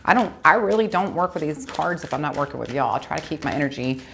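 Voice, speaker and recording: A woman's voice: low voice, lively intonation, fast talker, vocal fry, fairly bright tone, a little hiss or hum. A woman giving a casual tarot reading, chatting straight to her viewers and correcting herself aloud as she goes. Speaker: tarot reader.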